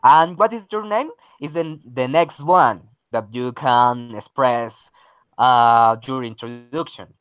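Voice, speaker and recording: A man, patient and encouraging, sprinkling okay and very good everywhere. His voice sits at an ordinary pitch, and it is recorded dry and close with no room sound. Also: takes it slowly, smooth, no echo, dull audio. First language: Spanish. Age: 30s. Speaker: English teacher. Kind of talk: online English lesson.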